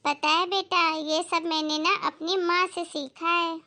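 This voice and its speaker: Give me a meek elderly grandmother, played by a woman in a comedy skit, soft and slow with a bright tone. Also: very high voice, flat delivery, full character voice. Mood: gentle. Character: elderly grandmother, meek and gentle mother-in-law.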